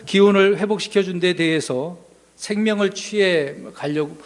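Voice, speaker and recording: Preaching to his congregation, a pastor asks them questions and alternates between booming emphasis and quiet asides. His voice sits on the high side.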